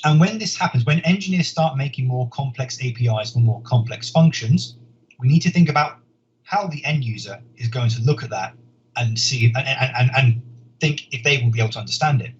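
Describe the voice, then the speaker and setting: A man, a software engineer, giving a conference talk in an earnest, explanatory way, often repeating words as he thinks. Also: mid-range voice, expressive, brisk. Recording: dull lo-fi sound with faint noise.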